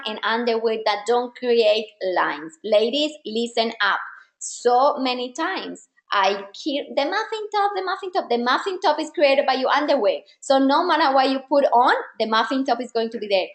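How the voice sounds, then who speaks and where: A woman style coach whose first language isn't English leads a live online masterclass for women, speaking directly and encouragingly. Her voice is fairly high, and the room is echoey.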